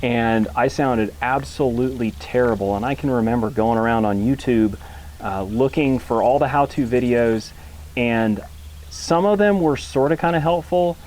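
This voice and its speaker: Acting as an instructor, a duck hunter leads a casual hands-on tutorial in a plain, folksy and informal way. His mid-range voice is a little mellow and keeps a moderate pace.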